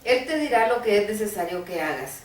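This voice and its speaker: A woman's voice: medium pitch, big pitch swings, a little fast, distant mic, close to an everyday voice. A woman reading the message of a solemn heavenly angel in a plain voice. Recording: roomy, voice a bit off-mic.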